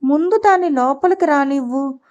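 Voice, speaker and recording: A soft-spoken, patient middle-aged father from a storybook who talks mildly and teases kindly, voiced by a woman narrator. The voice is high, and the recording sounds slightly dull. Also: moderate pace, natural voice.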